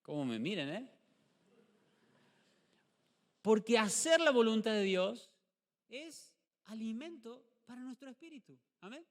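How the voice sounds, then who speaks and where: A middle-aged pastor with an Argentine Spanish accent and an extremely high-pitched voice preaches a lively sermon at a moderate pace in a church hall. He animatedly acts out short dialogues and poses rhetorical questions to the congregation, captured on a live church stream with long hall reverb.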